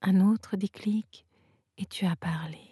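A wise, gentle unicorn speaks in a hushed, teasing murmur, whispered by a woman telling a bedtime story. The voice is very airy and mellow, and it moves slowly. It sits dry and close, a whispered role-play. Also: mid-range voice, steady tone, husky, no echo. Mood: reassuring. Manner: soft and teasing.

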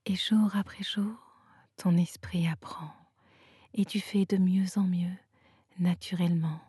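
A wise, gentle unicorn speaks in a hushed, teasing murmur, whispered by a woman telling a bedtime story. The voice is very airy and mellow, and it moves slowly. It sits dry and close, a whispered role-play. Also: fairly low pitch, steady tone, breathy edge, no room sound. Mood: reassuring. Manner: soft and teasing.

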